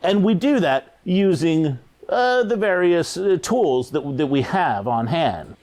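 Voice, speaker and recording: An actor playing a rambling, hesitant male huckster who sells ghost-hunting gadgets, speaking in a deadpan mockumentary interview. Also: fairly high pitch, slow. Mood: earnest. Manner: rambling, hesitant, full of uh's. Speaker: paranormal gadget seller being interviewed.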